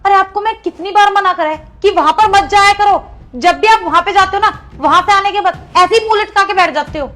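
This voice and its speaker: A woman's voice: very high-pitched, brisk, a bit bright. A woman playing a nagging young wife who scolds her husband and keeps demanding answers. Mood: scolding. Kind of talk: acted family short drama.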